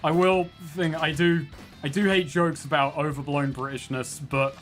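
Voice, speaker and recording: A man's voice: a little high, steady tone, normal speed, a bit bright, faint music behind. A man streaming a video game, chatting casually, laughing often and swearing in playful exasperation.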